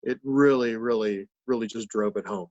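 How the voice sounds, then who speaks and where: A man talking casually as an interview guest, halting and repeating words as he searches for the next one. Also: lowish voice, steady tone, darkish tone, highs cut off. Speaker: puppeteer and voice actor, interview guest.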